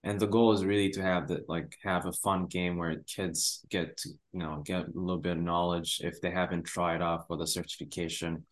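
A man's voice: low-pitched, little pitch movement, normal speed. A young man from Rwanda, a university student, answering interview questions casually with many hesitant fillers. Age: young adult.

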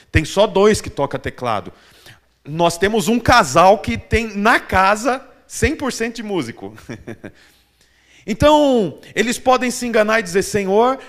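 A man's voice: high voice, a bit bright. A man preaching a sermon to a small church congregation, acting out the voices of the people he quotes. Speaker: pastor.

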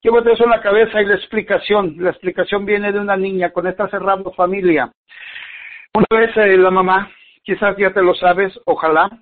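A man's voice: sits high, fairly even intonation, moderate pace. A man giving an earnest motivational radio talk, repeating phrases and speaking straight to the listener. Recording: tinny phone-line radio broadcast.

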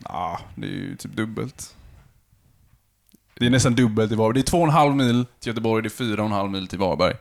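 A man's voice: lowish voice, vocal fry. A man co-hosting a casual podcast, joking and teasing his co-host with crude banter.

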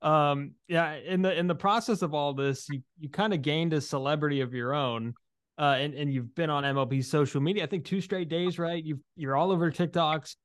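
Podcast cohost guy, kinda high voice, jokey, trips over his questions. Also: brisk, clean tone, no room sound, clean studio sound. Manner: hesitant, restarts questions, jokey. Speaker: podcast co-host. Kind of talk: casual interview chat.

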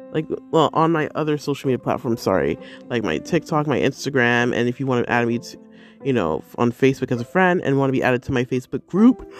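A woman hosting her own podcast as a life coach, talking casually in a bubbly, effusive way with many fillers, and sounding tired. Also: deep voice. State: tired, yawning.

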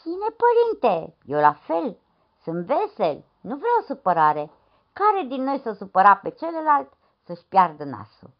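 A man's voice: extremely high pitch, voice pushed up, heavily acted. A woman voicing a bold, cheerful young peasant farmhand in a folk tale, with a cheeky manner. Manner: cheeky, lively. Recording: dull lo-fi recording.

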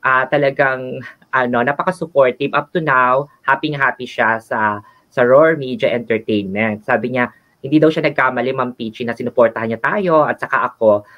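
A man's voice: medium pitch, steady tone, normal speed. A man co-hosting a casual show, chatting in a flamboyant, giggly way. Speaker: co-host and nurse. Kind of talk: casual Taglish show chat. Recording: dull lo-fi sound.

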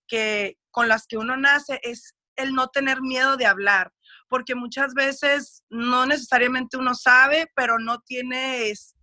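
Una mujer criada en Estados Unidos con acento mexicano muy marcado, conversando en una entrevista de forma expresiva y franca, mezclando algunas palabras en inglés. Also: female voice, a little high, no echo. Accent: Mexican Spanish. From United States. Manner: expressive and talkative, mixing in English words; candid, speaks of her faith. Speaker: guest. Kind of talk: casual interview chat.

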